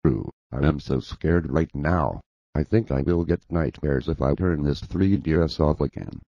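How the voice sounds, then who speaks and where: A synthetic man's voice playing a stubborn, sarcastic young man who taunts a cartoon villain. The voice is extremely low, dark and gravelly. It sounds dry and dull, with a lo-fi edge. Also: measured pace, no room sound, full character voice. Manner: mocking, flat and sarcastic.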